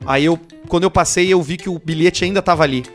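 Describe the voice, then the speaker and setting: A man's voice: fairly high pitch, fast, fairly bright tone, soft background music. A man telling a joking story in a casual chat.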